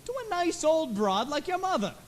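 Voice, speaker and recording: A teenage boy playing a smooth-talking young gambler in a school musical, coaxing and slangy. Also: extremely high pitch, sing-song, moderate pace, heavy background noise. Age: teens. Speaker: student actor in a school musical. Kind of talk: stage musical acting. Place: school auditorium stage.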